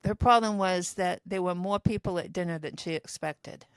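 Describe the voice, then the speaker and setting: A woman's voice: on the low side, normal speed, smooth, dry recording. Older woman rambling through an anecdote. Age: 70s. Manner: rambling, self-deprecating storyteller. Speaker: podcast co-host telling diary stories. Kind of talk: casual storytelling chat.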